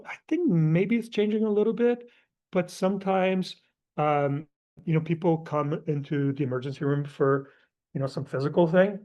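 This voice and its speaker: A man's voice: a little high, a little mellow. A middle-aged man from Portugal with a Portuguese accent gives a live class lecture in a casual, conversational way, with many fillers and asides.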